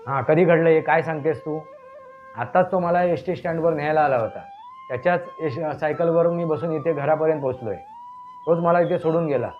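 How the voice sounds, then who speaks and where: A man's voice: a little high, fairly quick, lightly acted. Man voicing an insistent young man. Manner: insistent, pleading. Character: young man returning home, puzzled then angry. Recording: dull lo-fi recording with faint music.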